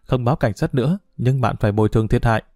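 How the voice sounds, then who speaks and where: A playful, bossy schoolgirl from a spoken story teases with mock sternness, as a man reads her part. Her voice sits at an ordinary middle pitch. It is recorded dry and close. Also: racing, dark tone, no echo, lightly acted. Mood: teasing.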